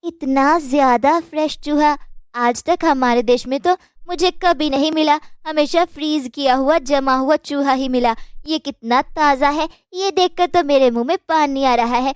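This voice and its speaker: An eager, sweet young daughter-in-law in a cartoon, talking in a pleading way. Her voice is very high and close, with a dry sound. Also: measured pace, dry recording. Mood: greedy. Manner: pleading, apologetic.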